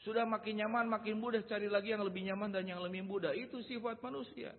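A man preaching a sermon, asking the congregation rhetorical questions and swinging between soft and loud delivery. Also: sits high, steady tone, quick pace. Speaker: pastor. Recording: tinny phone-like sound with long hall reverb.

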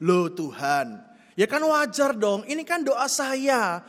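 A man's voice: high-pitched, steady tone, normal speed, in a large hall, voice pushed up. A man putting on a whiny, boastful castaway. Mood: indignant. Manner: whiny pleading, indignant self-justifying. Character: boastful shipwrecked man, pleading then smug.

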